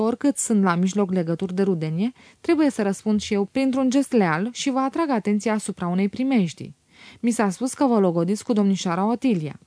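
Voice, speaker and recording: A woman narrates a classic novel in an unhurried audiobook reading. She lifts her voice for the characters' dialogue. The recording is close and dry. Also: warm tone, no room sound. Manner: reads dialogue with lifted pitch for characters. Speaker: audiobook reader. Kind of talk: scripted literary narration.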